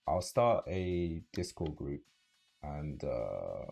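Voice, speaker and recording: Deep gravelly London streamer. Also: male voice, drawn-out words, faint music behind. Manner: relaxed, rambling, many fillers and restarts. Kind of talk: casual livestream chat with viewers.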